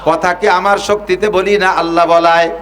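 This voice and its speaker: High-voiced impassioned male preacher. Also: level tone, normal speed, a little hiss or hum. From Bangladesh. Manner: impassioned, rising to loud cries; chants Arabic verses. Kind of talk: Bengali waz sermon.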